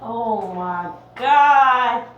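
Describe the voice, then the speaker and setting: A woman's voice: fairly high pitch, animated, drawn-out words, lo-fi sound, a little hiss or hum. A young adult woman in a chiropractor's treatment room, exclaiming and laughing in astonished outbursts as a patient. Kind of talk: spontaneous reactions during treatment.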